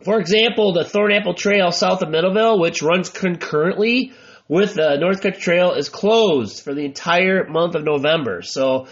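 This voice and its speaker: A congested American man hosts a casual podcast in a fairly high-pitched voice. He sounds stuffed up and muffled, with an informal, folksy way of talking. The recording is dull and lo-fi. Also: normal speed. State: congested from allergies. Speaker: podcast host. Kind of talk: casual solo podcast talk.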